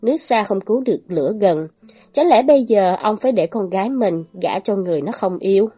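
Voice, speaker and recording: A woman narrating a dramatic folk story in a steady storytelling manner. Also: medium pitch, brisk, breathy edge, muffled recording, soft background music.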